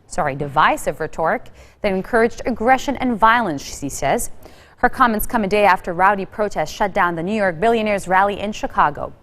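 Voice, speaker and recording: A woman news anchor reading a scripted bulletin with a steady, even delivery. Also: mid-range voice.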